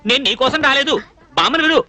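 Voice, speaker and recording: A man dubbing a fussy, naive young male cook in a film comedy, scolding in rapid chatter. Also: extremely high pitch, animated, pushed and bright, faint music behind, heavily acted. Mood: flustered. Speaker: dubbed film comic lead. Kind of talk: dubbed film dialogue.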